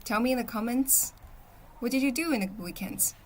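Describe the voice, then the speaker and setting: Slightly high-pitched and fairly quick, a young woman from Shanghai whose first language is Chinese runs a casual livestream, chatting away and replying to viewer comments. She often asks "okay?", and a little hiss or hum sits under the audio.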